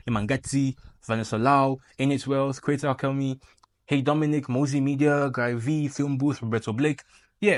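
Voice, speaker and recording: On a dry recording, a young Nigerian man with a medium-pitched voice hosts a casual YouTube tutorial to camera, keeping it animated and jokey with frequent humorous asides.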